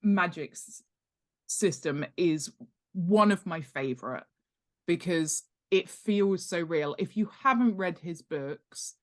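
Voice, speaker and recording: Her voice sits lowish and her pace is slow as this author and world-building specialist chats casually as a podcast guest. She teaches informally and emphatically, driving points home by repeating them, tossing out rhetorical questions, and acting out examples with animation.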